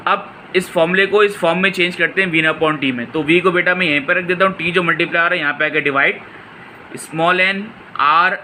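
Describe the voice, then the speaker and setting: A man explains exam solutions in a fairly high, strikingly bright voice. He calls his students "beta" and asks questions only to answer them himself. A faint air-conditioning hum runs underneath. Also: rough recording. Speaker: physics tutor.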